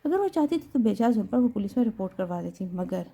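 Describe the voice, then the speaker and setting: A woman's voice: fairly high pitch, big pitch swings, creaky, dark tone, exaggerated voice. A woman voicing a stern older father who scolds his son in a reproachful manner.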